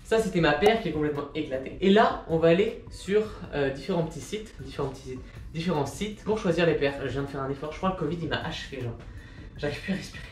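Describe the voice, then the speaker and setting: A young man in his twenties talks through a casual sneaker vlog in a rambling, chatty way, often mocking himself in quick asides. His voice sits a little high for a man. The room around him is noticeably echoey, with soft music underneath. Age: 20s. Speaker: sneaker vlogger. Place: indoor room with a machine running. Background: machine noise and soft music.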